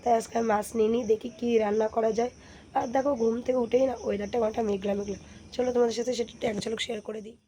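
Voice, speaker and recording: Hoarse fast-talking woman vlogging at home. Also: on the high side, steady tone, slight background noise. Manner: chatty, addresses viewers warmly as friends. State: hoarse, sore throat. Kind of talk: casual daily-life vlog narration. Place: home kitchen and courtyard.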